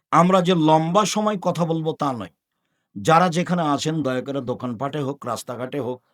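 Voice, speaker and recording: An older man from Bangladesh preaching a sermon, scolding his listeners with rhetorical questions that rise suddenly in force. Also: on the high side. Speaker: Islamic preacher.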